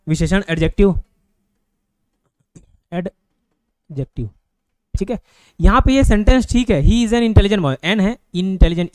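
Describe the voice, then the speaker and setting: A man with an Indian accent teaches grammar online in a smooth, high, darkish voice, recorded with no room sound. He moves through the lesson step by step, explaining slowly and asking again and again whether his students are following.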